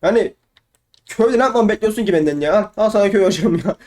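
Speaking at a quick pace in a high-pitched, darkish voice, a young man records casual let's-play commentary for his gaming YouTube channel. He's chatty, swears in a playful way, and keeps repeating words.

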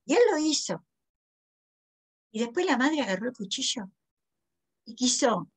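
A woman with a Rioplatense Argentine accent telling a story aloud, very expressive, with big swings in pitch for emphasis. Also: measured pace, slightly rough. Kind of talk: oral storytelling.

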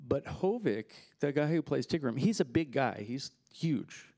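A man in his forties talks in a mid-range voice, just a little slow, as a filmmaker guest at a festival Q&A. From the stage, backdrop behind him, he rambles through anecdotes into a handheld mic, relaxed and peppered with fillers and laughs.

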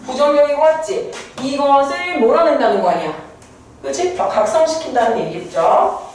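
A woman teaching a poem in a chatty, playful lecture, firing quick questions at her students. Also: high voice, lively intonation, a little mellow. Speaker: Korean literature teacher. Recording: echoey room heard from a distance.

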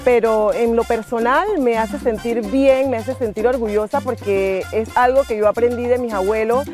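A woman's voice: on the high side, fairly even intonation, normal speed, a little mellow, soft background music. A woman from Panama with a Panamanian Caribbean Spanish accent, talking casually about herself. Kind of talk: casual personal talk.

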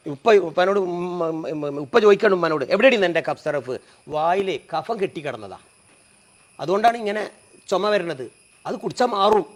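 Emotional storytelling man. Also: fairly high pitch. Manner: earnest, voice rising and falling with emotion.

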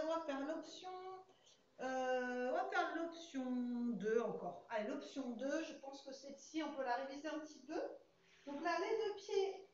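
Calmly calling out breaths while she demonstrates, a young Pilates instructor with an English accent leads a guided exercise class. She speaks in a high voice. The recording, made by a far-off camera in a big hard-floored indoor studio, sounds dull and echoey with faint hiss.

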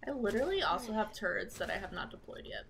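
A woman's voice: medium pitch, lively intonation, fast, vocal fry, a bit bright, a little hiss or hum. A woman streamer chatting casually with friends while gaming, playful and teasing. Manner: playful, teasing, laughs often. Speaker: streamer playing a shooter game. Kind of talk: casual gameplay chat with friends.

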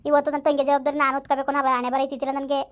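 A woman's voice: sits high, monotone, rapid-fire, natural voice. A woman playing a bitter young woman raising her younger sister, complaining in a resentful rush, in a village family skit.

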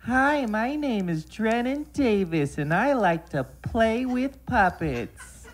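A man voicing a mocking dinosaur puppet that imitates its dorky puppeteer, in a squeaky ventriloquist dummy voice. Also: very animated, slow, a little hiss or hum, exaggerated voice. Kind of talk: stand-up ventriloquism act.

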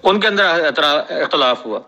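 Guy arguing his point over and over, very bright voice, kinda high. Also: animated, a little hiss or hum, rough recording. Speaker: debater. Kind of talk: recorded religious debate message.

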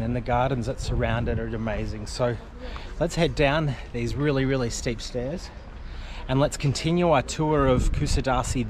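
Cheerful male travel vlogger, 30s, from Australia, selfie camera outdoors, faint ambient noise. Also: mid-range voice. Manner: upbeat, chatty, enthusiastic. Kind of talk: casual travel vlog. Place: outdoors on a seaside fort. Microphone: phone or camera at arm's length.

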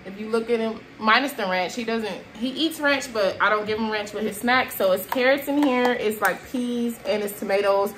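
On the high side and fairly bright, a young vlogger's voice runs at normal speed with few pauses. Tired and sweaty, she chats with y'all while moving around her small apartment kitchen unpacking grocery bags for a haul. She's filmed by a camera across the room, and the kitchen echoes with background noise.

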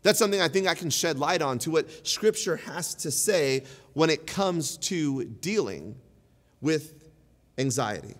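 A man's voice: a little high, animated, a little slow, in a large hall. A man in his thirties preaching a sermon, telling stories in a loose, conversational way full of fillers. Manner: conversational storytelling, many "like" fillers. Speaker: pastor. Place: large church auditorium.

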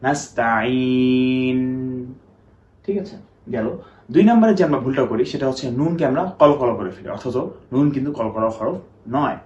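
A man's voice: medium pitch, lively intonation, darkish tone. A man teaching Quran pronunciation in a step-by-step online lesson with a Bangladeshi Bengali accent, often checking that students follow and stretching out nasal sounds to demonstrate. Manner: drawn-out nasal demonstration syllables. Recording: dull roomy recording, faint hiss.

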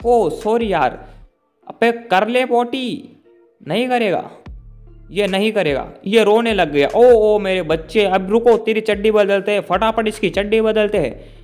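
A man giving playful, excitable gameplay commentary, joking with the game character and his viewers. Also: high-pitched, unhurried, soft background music. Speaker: gaming YouTuber.

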